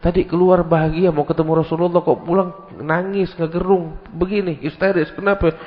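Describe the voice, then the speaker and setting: A man's voice: fairly high pitch, flat delivery, brisk, big-room sound, highs cut off, voice pushed up, close to an everyday voice. A man voicing worried grown children anxiously questioning their weeping mother.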